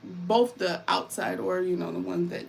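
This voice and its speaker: A woman hosting a casual live stream, warmly welcoming viewers in informal talk and repeating phrases for emphasis. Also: fairly low pitch, fairly even intonation, normal speed, vocal fry, slight background noise. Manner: warm, welcoming, greets viewers by name. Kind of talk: casual live-stream chat while painting.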